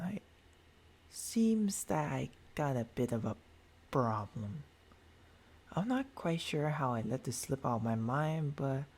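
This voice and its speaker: Hesitant in mood, this vampire boyfriend, tender and gentlemanly, is fully voiced by a man at medium pitch, murmuring formal endearments haltingly into a close binaural microphone. The voice is husky and breathy, made for intimate ASMR roleplay.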